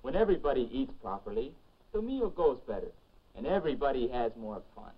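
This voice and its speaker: A man's voice: medium pitch, sing-song, fairly quick, husky. An actor playing a teenage boy's grown-up future self, patiently explaining good manners in 1950s educational film narration. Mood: earnest, coaxing. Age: young adult. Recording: dull lo-fi 1950s film soundtrack.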